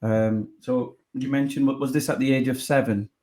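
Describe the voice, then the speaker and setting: A man hosting a podcast interview, asking questions in a halting way that repeats words as he begins. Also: mid-range voice, fairly even intonation, dark tone. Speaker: podcast host.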